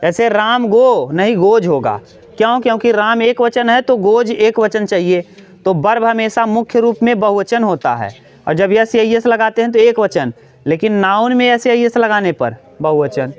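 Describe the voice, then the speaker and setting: A man teaching an English grammar class to students, talking straight to them and repeating each example slowly. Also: high voice, animated, clean tone.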